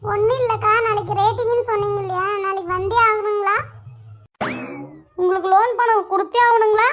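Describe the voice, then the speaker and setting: A woman's voice: very high voice, steady tone, a little fast, fairly bright tone, lo-fi sound, faint music behind. A woman playing a petulant young sister-in-law who whines and makes demands in a comedy skit. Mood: scheming. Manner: whiny, demanding, sulky.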